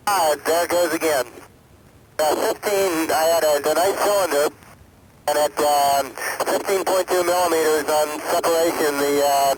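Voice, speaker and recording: A man speaking as an astronaut over space radio, giving halting, matter-of-fact technical reports. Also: on the high side, steady tone. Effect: space radio transmission. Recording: noisy space shuttle radio link.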